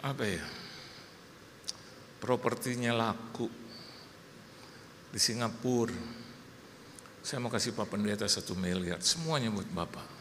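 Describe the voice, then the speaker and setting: A middle-aged man, a pastor, preaching a sermon in church, telling stories and acting out soft-spoken quotes of himself and his wife. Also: fairly low pitch, unhurried, long pauses, big-room sound, a little hiss or hum. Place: church service.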